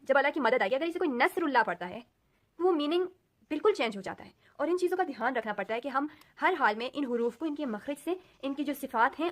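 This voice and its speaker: A woman with an Urdu accent teaching a recorded lesson, speaking slowly and deliberately and repeating sounds as drills. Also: high voice, a bit bright. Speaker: Quran recitation teacher.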